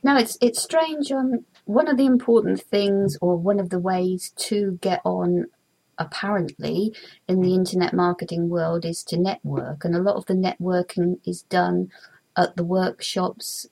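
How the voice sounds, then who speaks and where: A woman with a slightly husky voice steers a casual interview. She asks friendly, leading questions and often closes them with a tag that invites agreement. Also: fairly low pitch, measured pace, darkish tone, poor audio.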